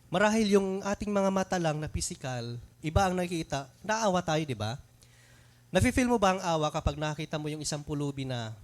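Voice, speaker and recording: A young man with a fairly high voice preaching a sermon to a congregation. He talks conversationally and keeps asking rhetorical questions. His words sometimes stumble and restart as he mixes English phrases into his talk.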